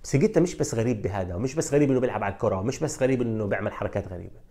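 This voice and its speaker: A man with a Levantine Arabic accent hosting a football countdown video, telling the stories in a fast, animated way with frequent fillers. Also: on the low side. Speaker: sports video host. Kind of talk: energetic football countdown commentary.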